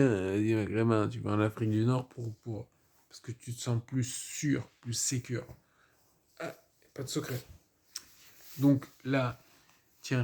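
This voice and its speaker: Male film reviewer, low gravelly voice with a mellow tone, rambly and wry. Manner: rambling, with ironic joking asides. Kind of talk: casual spoken film review.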